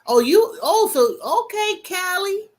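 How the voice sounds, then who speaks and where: A woman with a high voice and animated, swooping intonation. She speaks informally and colloquially, in casual conversation. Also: a little slow. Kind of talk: casual chat.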